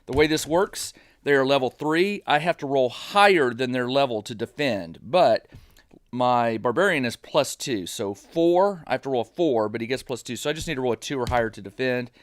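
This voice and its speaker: A man's voice: medium pitch, lively intonation, moderate pace, dry recording. A middle-aged man casually narrating a solo tabletop dungeon game, explaining each dice roll step by step in a chatty way. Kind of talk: casual play-through narration. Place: home gaming room with motion sensor lights.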